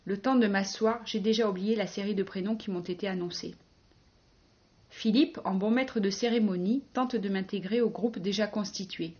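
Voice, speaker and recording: A woman reads a first-person novel aloud in a wry, ironic, measured way. Her voice sits at a middle pitch, and the recording is a bit dull and lo-fi. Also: a little mellow. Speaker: audiobook narrator.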